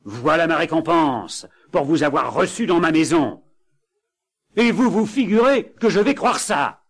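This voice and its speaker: Brief: man putting on an outraged old miser's ghost in a storybook, high and shrill, barking orders, breathy. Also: animated, moderate pace. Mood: furious. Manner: shouting, outraged, bossy.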